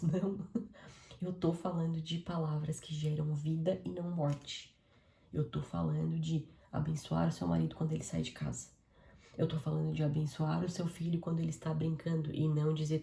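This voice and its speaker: A woman giving a casual devotional talk on a live stream, talking fast and speaking straight to her listeners. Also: on the low side, gravelly, roomy sound, a little hiss or hum. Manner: fast, warm-hearted, conversational, addresses audience as "gente".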